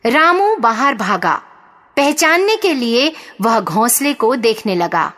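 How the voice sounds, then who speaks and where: Slow, measured woman storyteller. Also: on the high side, sing-song, a bit bright. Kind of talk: scripted storybook narration.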